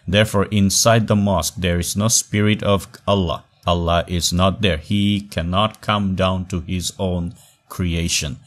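This recorded online lesson is narrated over slides by a man whose voice is very low. He keeps a steady tone, speaking in brief, measured phrases and leaning on key words with pauses.

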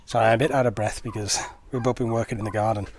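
A man's voice: fairly low pitch, steady tone, racing. Man, vlogger, chatty and upbeat, rambling, outdoors in the village, noisy background. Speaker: family vlogger. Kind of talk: casual vlog talk to camera. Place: outdoors in a rural village and garden.

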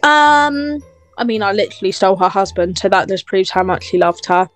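A woman's voice: mid-range voice, lively intonation, a little fast, natural voice. A woman voicing an entitled, snobby young woman in a game role-play, talking down to the people she is bossing around. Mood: haughty. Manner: bossy, dismissive, self-satisfied. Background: faint music.

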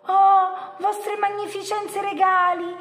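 A woman doing a fawning yellow monster. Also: extremely high pitch, flat delivery, slow pace, roomy sound, faint music behind, pitched above the performer's own voice, exaggerated voice. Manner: grovelling, showers others with grand titles. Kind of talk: storybook read-aloud.

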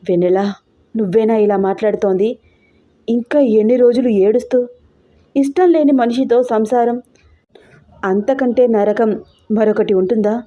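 A woman voicing a lovesick, insistent young man who speaks in a lowered, pressing voice in an audio story. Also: normal speed, pauses often, dull audio, close to an everyday voice.

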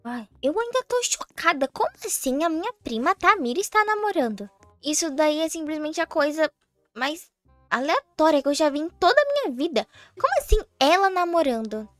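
A woman's voice: high voice, very animated, moderate pace, no room sound, faint music behind. A woman playing a chatty worried teenage cousin. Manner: chatty, rambling with many fillers. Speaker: roleplay player. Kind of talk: casual game roleplay.

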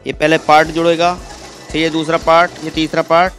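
A man's voice: fairly high pitch, monotone, a little fast, fairly bright tone, faint music behind. A man in his thirties, a workshop owner, plainly explaining his work into an interviewer's handheld mic in a courtyard, with repeated polite yes-words. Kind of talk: casual explanation. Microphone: handheld mic held by interviewer.

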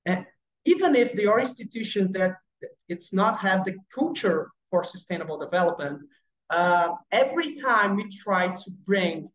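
A man from Brazil with as his gives an online presentation over a webcam, speaking haltingly with many fillers and restarts. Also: high-pitched, fairly bright tone. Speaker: conference speaker. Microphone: video call webcam. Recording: roomy, slightly dull video call audio.

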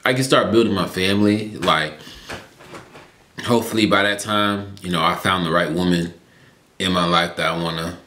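A man's voice: deep voice, fairly even intonation, normal speed, long pauses, bright, forceful tone, echoey room, a little hiss or hum. A young man in his early twenties talking casually in a laid-back, slangy way with lots of fillers, sitting at a desk in a small neon-lit room, recorded by a fixed camera. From Georgia, US. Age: young adult. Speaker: vlogger. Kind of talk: casual mukbang Q&A chat.

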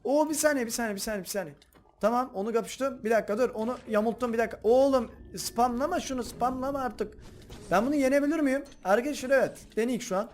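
A man hosting a game video, chatting casually and excitably to his viewers as he plays. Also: very high-pitched, quick pace, slight background noise. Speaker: gaming video host. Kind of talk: casual gameplay commentary.

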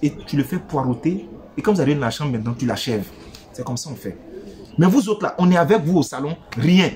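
A man delivers relationship advice as a teasing, playful monologue aimed straight at his listeners. His voice sits a little high and leaps around with very lively intonation. He moves from loud outbursts to low, quiet asides. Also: fairly quick.

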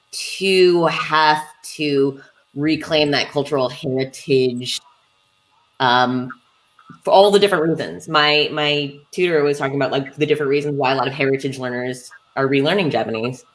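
Her voice sits low, and the recording quality is poor. She's a voice actor panelist from the United States, in her thirties, joining by webcam from a room at home with a gaming chair, musing thoughtfully and casually at length, sprinkled with "you know" and "um."

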